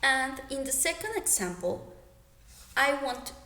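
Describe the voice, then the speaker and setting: Young woman, first language Spanish, pronunciation lesson, high voice, slow, echoey room. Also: sing-song, sharp tone. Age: young adult. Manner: slow, careful teaching delivery. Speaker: student presenter.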